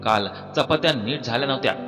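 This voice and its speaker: A man's voice: mid-range voice, quick pace, natural voice. A man voicing a worried, traditional mother who speaks in a heavy, disapproving tone. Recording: dull recording with long reverb, soft music behind.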